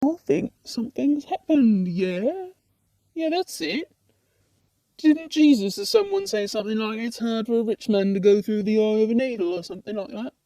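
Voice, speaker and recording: A woman voices a run-of-the-mill demon who feels completely at home in hell, lounging there, laid-back and chatty. Her fairly high voice is dark and relaxed at a normal pace, recorded very dry, as her talk meanders in wry, colloquial turns with a gentle teasing edge, like a comic puppet show.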